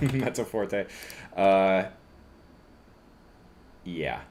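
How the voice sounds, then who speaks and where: Deep-voiced man musing while he works. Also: very animated, darkish tone, a little hiss or hum. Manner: halting and musing, many fillers, laughs at himself. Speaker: composer streaming live orchestration work. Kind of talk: casual live-stream, thinking aloud.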